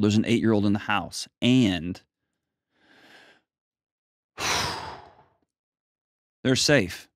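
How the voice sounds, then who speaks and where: A man with a fairly deep voice coaches a caller in a conversational style. He is plain-spoken and folksy, leaning on key words for emphasis. The sound is very dry, with no room around it. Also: darkish tone, no room sound. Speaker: advice show host counseling a caller.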